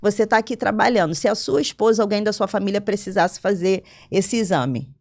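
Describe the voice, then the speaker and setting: A woman, speaking at a middle pitch, tells her story as a guest in a casual interview. She talks expressively and acts out what she and others said. Her voice sits at an ordinary, middle height. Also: a little fast, vocal fry. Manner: animated, acts out her own quotes, frequent "entendeu?". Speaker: interview guest, business owner.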